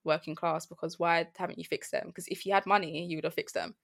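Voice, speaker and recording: A woman's voice: lowish voice, steady tone, fast talker, gravelly. A young woman hosting a podcast in casual, slangy, jokey chat. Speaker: podcast host.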